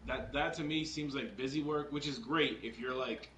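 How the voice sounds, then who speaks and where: A man's voice: mid-range voice, normal speed, fairly bright tone, slight background noise. A man chatting casually with a friend about games, rambling and laughing easily. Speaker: friend on voice chat. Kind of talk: casual gaming chat. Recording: echoey, game music behind.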